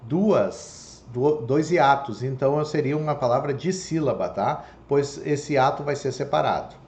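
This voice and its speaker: A man's voice: mid-range voice, unhurried, a little mellow. A man teaching a Portuguese lesson online, explaining step by step and often checking in with "tá?" and "ok?". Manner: explanatory, repeats "tá?" and "ok?" to check understanding. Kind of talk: online lecture. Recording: echoey room, faint background noise.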